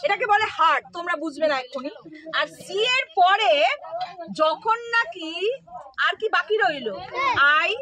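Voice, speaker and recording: A woman's voice: very high-pitched, lively intonation, a little slow, a crowd in the background. A woman teaching a classroom phonics lesson, quizzing the children with repeated questions and prompts.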